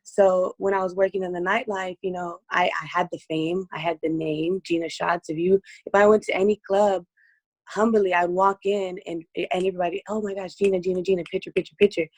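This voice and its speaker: Hoarse lady on an interview, voice half gone, lowish, really earnest, telling her own story, dry sound. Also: level tone, normal speed, darkish tone, no room sound, poor audio. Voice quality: hoarse, strained voice from voice loss. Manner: earnest, testifying. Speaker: interview guest. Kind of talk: personal testimony in an interview.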